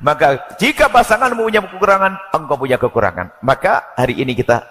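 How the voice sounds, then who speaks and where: A man giving an Islamic sermon on marriage, animated and joking, acting out quoted voices. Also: on the high side, fairly quick, long reverb tail. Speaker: preacher.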